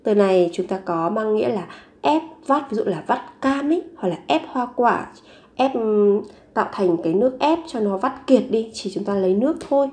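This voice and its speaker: A woman teaching a vocabulary lesson, saying each word three times slowly before explaining it. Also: mid-range voice, expressive, darkish tone. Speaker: language teacher.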